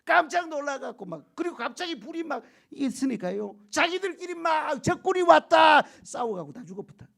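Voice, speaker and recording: Male pastor, high gravelly voice, animated sermon with call-and-response. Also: fairly quick, few pauses. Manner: animated storytelling with shouted quotes and laughter; keeps prompting the congregation for answers.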